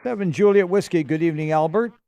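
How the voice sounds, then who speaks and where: Higher-voiced man running a radio net. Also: fast talker, mellow. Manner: chatty, hesitant delivery mixed with call-sign procedure. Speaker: amateur radio net controller. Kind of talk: informal radio net check-ins. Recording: faint static and radio clicks.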